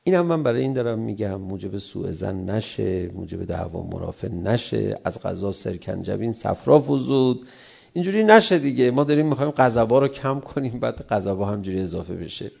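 A middle-aged man, a cleric, preaching a sermon on family and anger, animated, jumping high for emphasis and then sinking low. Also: creaky, breathy edge. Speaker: cleric giving a religious talk.

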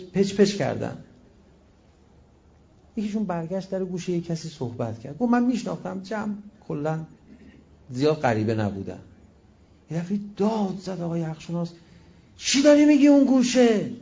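Gravelly man preaching a fervent sermon. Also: high-pitched, highs cut off. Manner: emphatic, shifts between loud exclamations and quiet asides. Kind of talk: religious sermon with storytelling.

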